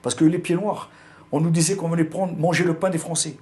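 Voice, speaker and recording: Recounting his memories for an interviewer, an elderly Algerian man speaks with a pied-noir French accent. His voice is fairly high yet dark in tone, with fairly even intonation and a fairly quick pace, and he often hesitates and repeats himself.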